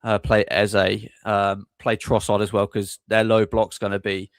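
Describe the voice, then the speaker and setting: A man's voice: lowish voice, flat delivery, measured pace, dry recording, clean studio sound. A man giving matter-of-fact tactical views as a panelist on a football podcast. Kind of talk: casual football podcast chat.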